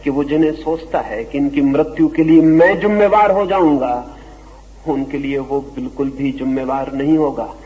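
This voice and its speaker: A man giving a slow, deliberate spiritual discourse, his voice swelling and dropping for emphasis. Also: medium pitch, big-room sound, narrow, tinny audio. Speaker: spiritual teacher. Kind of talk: philosophical discourse.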